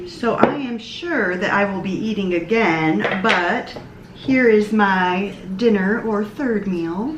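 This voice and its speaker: A woman's voice: mid-range voice, expressive, slow, lo-fi sound. Woman vlogger, casual and chatty, roomy echo, a bit of hiss. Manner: chatty, laughs often. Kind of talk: casual food vlog narration.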